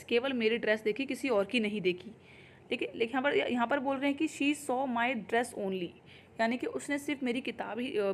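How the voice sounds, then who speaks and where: A Hindi-speaking woman teaches an exam-prep English grammar lesson, explaining in Hindi and reading the English examples slowly. Her voice is fairly high, with slight noise in the background.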